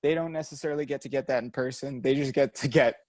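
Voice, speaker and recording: Young man, casual podcast co-host, self-mocking and chatty, mid-pitched voice, dry sound. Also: fairly even intonation, fast talker, darkish tone, no room sound. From Canada. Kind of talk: casual chat.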